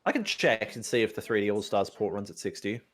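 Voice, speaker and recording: A man casually chatting with a co-host while playing a video game, swearing freely and giving animated opinions on game tech. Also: fairly low pitch, quick pace, faint music behind. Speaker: co-host of a gaming playthrough.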